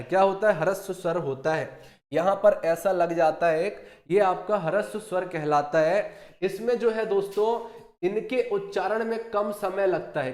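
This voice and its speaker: A man teaching an exam-prep class. He asks questions, answers them himself, and repeats key terms slowly. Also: high voice, roomy sound.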